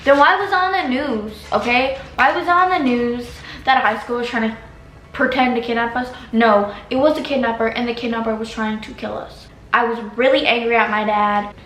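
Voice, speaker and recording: A woman's voice: on the high side, brisk, fairly bright tone. A teenage girl telling a story in a casual, dramatic way, full of slang. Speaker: vlogger. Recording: echoey room, faint background hiss.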